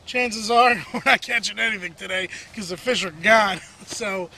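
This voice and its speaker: A man's voice: high-pitched, normal speed, gravelly, pushed and bright, slight background noise. A man in his thirties hosting a casual fishing vlog outdoors by a canal, easygoing and joking, with many filler words, picked up by the camera mic. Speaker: fishing show host. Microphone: camera mic, medium shot.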